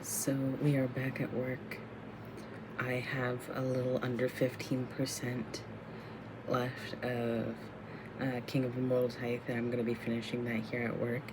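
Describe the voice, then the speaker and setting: A young man of about twenty talks casually through a bookish vlog, wandering through his thoughts with frequent ums and restarts. His voice sits at an ordinary middle pitch for a man. A faint background noise runs under the recording. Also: completely flat delivery, a little slow. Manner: chatty, rambling with many ums. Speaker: book vlogger.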